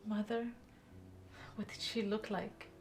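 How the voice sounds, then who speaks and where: A woman's voice: mid-range voice, little pitch movement, takes it slowly, soft background music. An actress playing a weary, stubborn middle-aged mother, placating yet firm, in naturalistic drama dialogue. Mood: weary, gentle. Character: weary, evasive, stubborn mother of a grown son.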